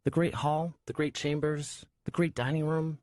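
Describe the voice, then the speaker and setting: A man's voice: fairly high pitch, little pitch movement, moderate pace, darkish tone, no room sound, clean studio sound, pitched above the performer's own voice, close to an everyday voice. A man voicing a shy, moody young woman who sometimes breaks into song, speaking timidly in an audiobook. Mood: glum. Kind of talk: audiobook character voice.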